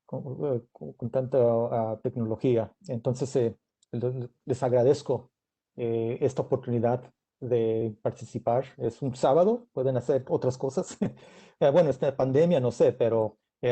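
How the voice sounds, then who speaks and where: Halting American-accented man, very dark voice. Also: mid-range voice, steady tone. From Mexican-American. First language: English. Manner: halting, searching for words in non-native Spanish. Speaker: guest speaker, engineer. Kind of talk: informal question-and-answer at a technical talk.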